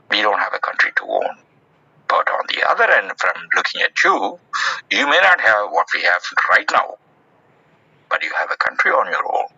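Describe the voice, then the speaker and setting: A man hosting a casual group discussion in an audio chat room, earnest and halting, with many restarts. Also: on the low side, creaky, sharp tone, breathy edge, no room sound. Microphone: phone in an audio chat app. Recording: muffled dry audio-room recording.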